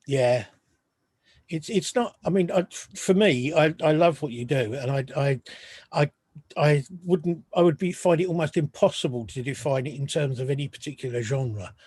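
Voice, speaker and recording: A podcast host with a fairly high, slightly rough, somewhat mellow voice chats casually about music at a normal pace. He restarts often and drops in apologetic asides, and the recording is dry, interview-style talk.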